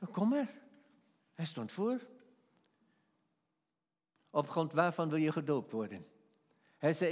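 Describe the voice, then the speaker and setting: Animated male preacher in a reverberant hall. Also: on the high side. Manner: animated, rising to emphatic peaks. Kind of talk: sermon with personal story.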